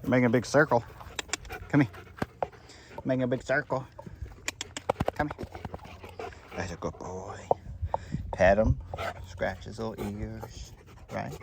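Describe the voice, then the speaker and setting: A man's voice: lowish voice, unhurried, long pauses, background noise. A man who trains dogs, giving an unscripted outdoor talk in a casual, blunt, rambling way with lots of fillers. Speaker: dog trainer and kennel owner.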